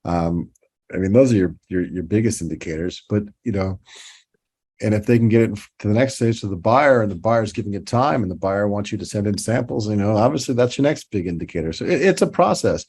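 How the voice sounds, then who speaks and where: A man's voice: on the low side, animated, fairly quick, darkish tone, slightly rough. A middle-aged man with a New York accent, talking as a toy-designer guest in a casual podcast interview, rambling with many restarts.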